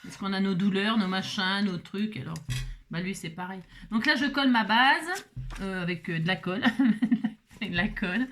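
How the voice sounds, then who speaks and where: A woman's voice: mid-range voice, normal speed, a bit bright. A woman hosting a home craft tutorial, chatting casually as she works and often checking in with the viewer, with plenty of fillers while she thinks aloud. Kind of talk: casual step-by-step craft demonstration.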